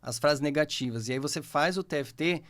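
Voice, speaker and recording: A Brazilian man with a Brazilian Portuguese accent and a somewhat high voice speaks as an instructor on a podcast. He explains patiently and tags his sentences with little checks for understanding. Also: fairly quick, fairly bright tone. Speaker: guest therapy instructor. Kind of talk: podcast interview.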